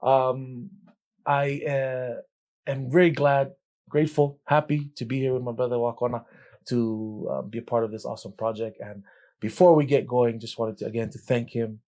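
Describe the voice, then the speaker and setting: Warm, gracious man from Tonga. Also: mid-range voice, fairly even intonation, moderate pace. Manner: warm, grateful, laughs easily. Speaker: podcast co-host. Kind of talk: casual podcast chat.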